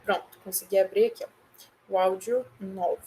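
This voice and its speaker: A woman's voice: medium pitch, steady tone, normal speed, warm tone, slight background noise, low-quality recording. A woman with a Brazilian Portuguese accent, an English teacher giving an online class, patiently explaining step by step and often checking in with the students.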